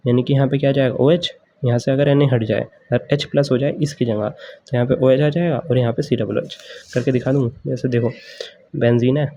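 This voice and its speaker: A man's voice: medium pitch, creaky, mellow, highs cut off, slight background noise. A man teaching a chemistry lesson for exam prep, explaining step by step, mixing English science terms into his Hindi and asking the class questions.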